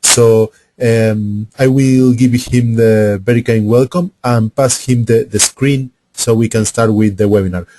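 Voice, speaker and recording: A man hosting and moderating an online webinar through a computer mic, speaking haltingly with fillers and repeated starts. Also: medium pitch, fairly even intonation, warm tone, slight background noise. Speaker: webinar host. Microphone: computer mic on an online call.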